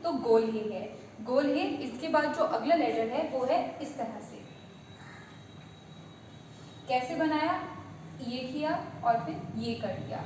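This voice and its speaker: A woman teaching a patient beginner language lesson, repeating each letter name step by step. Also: high voice. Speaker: Urdu teacher. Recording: echoey room from a distance with faint noise.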